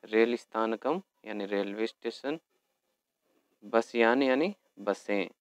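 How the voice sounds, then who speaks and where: A man's voice: on the low side, slow, no room sound. A man explaining a Sanskrit textbook lesson, patiently spelling out words letter by letter. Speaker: Sanskrit teacher.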